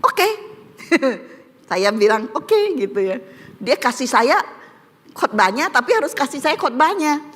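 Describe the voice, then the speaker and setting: A woman's voice: high-pitched, animated, a little slow, pauses often, fairly bright tone. A middle-aged woman giving a casual church testimony, chatty and laughing often, with many "gitu ya" fillers. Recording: long hall reverb.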